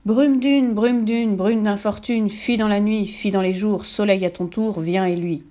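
A woman voicing a gentle, weary ghost princess who speaks softly and sorrowfully, in a storybook reading. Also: mid-range voice, fairly even intonation, normal speed, natural voice. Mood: hopeful. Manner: soft, sorrowful telling.

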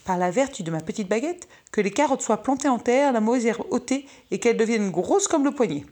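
A magic talking mule from a storybook, calm and helpful, speaking with easy reassurance, as a woman reader puts it on. Its spell lines come out steady and a touch raised. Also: on the high side, a little fast. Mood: reassuring.

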